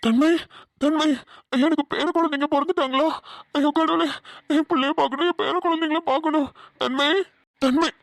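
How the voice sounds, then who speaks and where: A woman's voice: high voice, steady tone, fairly quick, gravelly, slight background noise. Woman voicing an emotional old grandfather. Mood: overjoyed. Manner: emotional, pleading. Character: elderly grandfather, emotional and remorseful. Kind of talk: Tamil cartoon voice acting.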